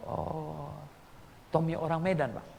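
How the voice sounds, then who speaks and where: Man doing a casual older male neighbor, slightly higher and gravelly, in a reverberant hall. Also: a little slow, darkish tone, slight background noise. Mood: easygoing.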